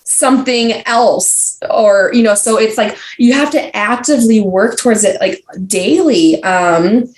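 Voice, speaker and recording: A woman's voice: fairly high pitch, a little slow, hardly any pauses. A young adult woman, a podcast guest, talking in a casual, rambling way full of fillers and restarts. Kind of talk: casual conversational interview. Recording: roomy echo.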